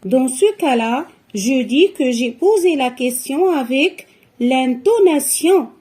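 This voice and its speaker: Woman teacher, high voice, unhurried, patiently explaining grammar to children. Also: expressive, mellow. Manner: slow, patient explaining with repetitions.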